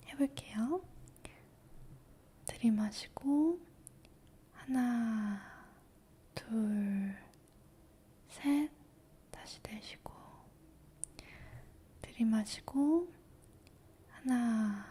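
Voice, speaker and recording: A woman whispers very slowly and gently in a mellow, higher-pitched voice, playing a doctor during a calm checkup. Her tone stays patient and reassuring throughout. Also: a little hiss or hum. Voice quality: soft whisper. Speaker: ASMR doctor roleplay. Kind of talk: whispered ASMR roleplay.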